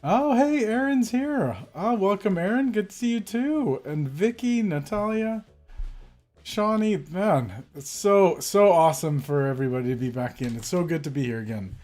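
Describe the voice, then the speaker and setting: A man hosts a calligraphy live stream, chatting casually, greeting viewers by name and rambling with fillers in a friendly way. His voice is high-pitched, animated and darkish, slightly congested from a cold, at a moderate pace. Faint music plays behind him.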